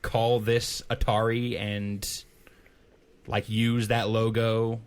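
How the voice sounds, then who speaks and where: A man's voice: fairly low pitch, little pitch movement, takes it slowly, smooth. A man co-hosting a video game podcast, passing on a news item in casual chat with frequent hesitations. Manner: hesitant, lots of uh fillers. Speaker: podcast co-host.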